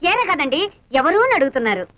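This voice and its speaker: An actress playing a brash, sharp-tongued wife in her early forties in a film comedy. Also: high voice, very animated, rapid-fire, dull audio.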